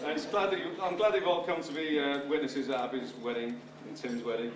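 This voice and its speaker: A man's voice: medium pitch, steady tone, brisk. A middle-aged or older British man giving a father of the bride wedding speech with dry, wry humour. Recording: roomy, distant microphone, clear background noise. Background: room noise and guests laughing.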